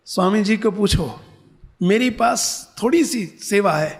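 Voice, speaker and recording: A man's voice: high voice, expressive, a little slow. A man voicing a humble old woman. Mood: pleading. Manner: calls out and pleads in broken Hindi.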